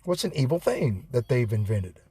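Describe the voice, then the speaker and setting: Man, preachy home video, rambling with profane asides, mid-pitched, dry close sound. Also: big pitch swings, normal speed, mellow, breathy edge, dry recording. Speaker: self-styled preacher. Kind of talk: home video Bible teaching.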